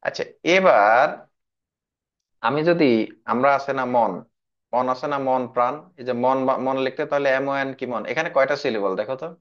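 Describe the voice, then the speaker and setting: A man's voice: mid-range voice, a little slow, highs cut off. A man teaching an English class, often questioning his students and repeating himself. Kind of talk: classroom lesson.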